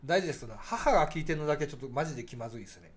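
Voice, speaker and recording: A nasal-voiced man in his forties hosts a relaxed livestream and answers viewer comments as they come in. His voice sits a little high and moves through a lively, animated range. He pushes the sound forward so it carries, and he rambles easily with plenty of fillers. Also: rapid-fire. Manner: projects his voice to carry, chatty with frequent fillers. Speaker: livestream host. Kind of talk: casual chat reading viewer comments.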